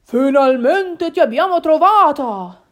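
A woman voicing a hearty father fox in a children's storybook, loud and boisterous. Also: sits high, slow, pitched above the performer's own voice.

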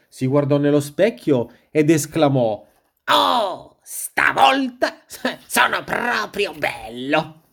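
A woman reading a children's story aloud in a slow, sing-song storytelling manner. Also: low-pitched, warm tone.

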